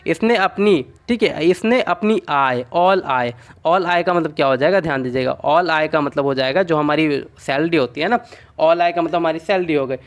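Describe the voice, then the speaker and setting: A man with a notably high voice gives a casual vocabulary lesson. He builds short stories as memory tricks. He keeps checking in with "okay" and answers his own questions as he goes. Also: normal speed. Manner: explains through short made-up stories. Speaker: exam-prep teacher.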